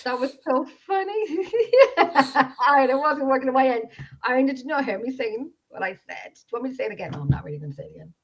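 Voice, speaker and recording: An Irish woman co-hosts a podcast-style live-stream chat, giggly, chatty and self-deprecating, speaking into her home computer microphone on a video call. Her voice is high-pitched and animated with a quick pace, and the online call audio sounds dull and lo-fi.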